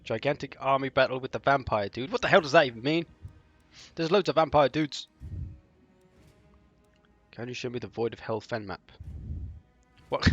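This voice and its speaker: A man streaming a game in casual chat, answering viewers with sardonic banter and often clearing his throat. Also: medium pitch, moderate pace, pauses often, fairly bright tone, dull audio, soft background music.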